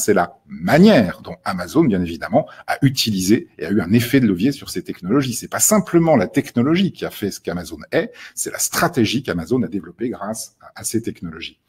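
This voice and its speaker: A man's voice: lowish voice, darkish tone, slightly rough. A man, a strategy professor, explaining business ideas in a webinar with many hesitations and restarts. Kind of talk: webinar lecture.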